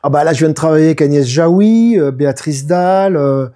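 A man's voice: on the high side, a little fast. A man in his fifties, a musician, chatting in an interview and acting out what people told him. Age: 50s. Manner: lively storytelling, often acts out what people said. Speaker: musician and producer, guest. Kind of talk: casual interview talk.

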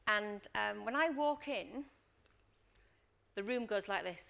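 Woman trainer at a workshop, mid-pitch, bit gravelly, animated storytelling. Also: slow pace. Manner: lively storyteller, acts out scenes, checks in with "Okay?". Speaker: leadership coach and workshop trainer. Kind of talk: workshop talk with acted-out anecdotes.

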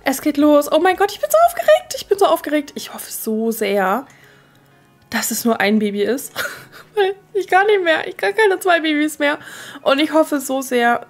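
Woman doing a let's play, bit high-pitched, chatty and excitable, bossing her sims around. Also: vocal fry. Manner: chatty, excitable, talks to her game characters and viewers. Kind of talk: casual gameplay commentary.

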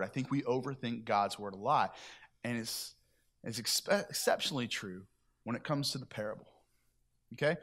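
A man's voice: high voice, a bit bright. A man preaching a sermon at church in a chatty, conversational way, often repeating himself. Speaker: pastor.

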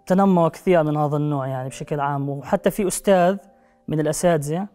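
A man's voice: on the high side, very fast, warm tone, faint music behind. A young man with a Levantine Arabic accent and a speech impediment on the r sound, answering as an interview guest. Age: young adult. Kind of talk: personal interview. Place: TV studio. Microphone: lapel.

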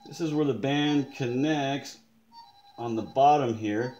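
A man walks through a show-and-tell of his watch, pointing out each detail at an unhurried pace. His voice sits at an ordinary pitch. The room adds a noticeable echo around him. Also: mellow, muffled recording, faint music behind. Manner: slow, deliberate, pointing things out, occasional frustrated mutters. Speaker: customer showing watch damage. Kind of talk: casual show-and-tell demonstration. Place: indoors at a desk in a room.

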